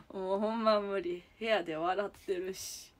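A young woman with a Kansai accent chatting casually on a livestream from her room, answering viewers one by one and giggling often. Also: mid-range voice. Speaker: idol livestreamer. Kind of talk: casual livestream chat reading comments. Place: room at home.

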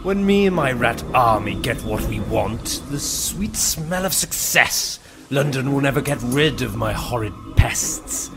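Male actor as pantomime rat king: vain, gloating, sneering; slow rhymed delivery, very animated pitch. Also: over music. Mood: gloating, menacing. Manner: sneering, rhyming, drawn-out delivery. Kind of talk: pantomime radio play acting.

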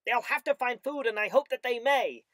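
The Lorax, a high scolding tree guardian, put on by a reader. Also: normal speed, a bit bright, dry recording, close to an everyday voice. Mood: stern, pleading. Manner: scolding, rhyming, stops to cough. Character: small grumpy creature guarding the trees. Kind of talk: storybook reading.

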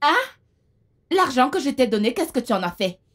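A woman dubbing a high, sharp-tongued big sister. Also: very animated, moderate pace. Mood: scolding. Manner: scolding, mocking. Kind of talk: French film dub.

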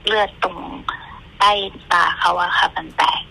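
Gravelly, bright-voiced middle-aged woman. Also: on the low side, steady tone, poor audio. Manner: earnest, halting, repeats herself. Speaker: interviewee, mother of a celebrity. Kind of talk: emotional interview account.

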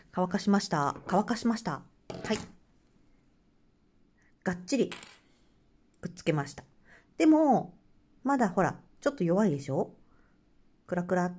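A woman's voice: lowish voice, big pitch swings, slow, pauses often, dark tone, slightly rough. A woman with a Hokkaido Japanese accent, hosting a craft channel and chatting casually while she works, laughing often and murmuring to herself. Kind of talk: casual craft tutorial chat.

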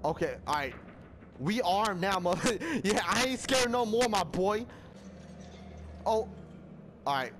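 Excitable, profane man, high and lively. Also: unhurried, pauses often, noisy background. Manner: profane, excitable, talks to the screen. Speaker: gaming commentator. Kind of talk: let's play commentary. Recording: game music behind.

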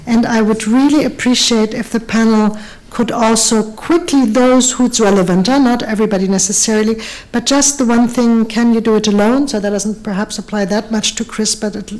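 A woman's voice: a little high, a little mellow. A woman moderating a panel discussion, directing questions to the speakers in an organized way.

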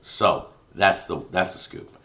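Deep-voiced man ranting on a live stream. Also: slow pace. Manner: opinionated, emphatic, swings between loud and muttering. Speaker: YouTube cooking show host. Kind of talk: live-stream rant to viewers.

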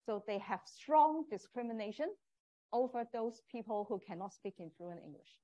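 A woman's voice: fairly high pitch, animated, normal speed, dark tone. A woman with a Cantonese accent, a non-native English speaker with small grammar slips, gives a live presentation as a professor. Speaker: professor teaching a communication course. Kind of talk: live presentation to prospective students.

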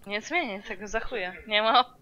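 A woman's voice: mid-range voice, normal speed, sharp tone, highs cut off. A woman moderating a stream, teasing and nagging the streamer with heavy swearing in casual bickering chat. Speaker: channel moderator.

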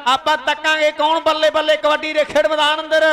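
Very high, bright male kabaddi commentator. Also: monotone, a little fast. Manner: chanting repeated words and rhymed sayings.

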